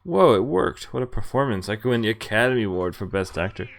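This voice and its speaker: This visual novel streamer speaks on the low side, very animated, fast, and creaky. He voices the dialogue and throws in jokey reactions and the occasional swear word, with the game's music running under him.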